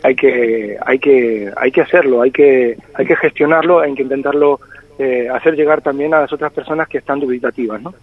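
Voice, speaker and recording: In a telephone interview, a male singer-songwriter in his forties speaks briskly at a medium pitch, pausing and hesitating a lot as he reflects. He was born in Spain, and his accent leans slightly Argentine. The audio is tinny and dry, with no room sound.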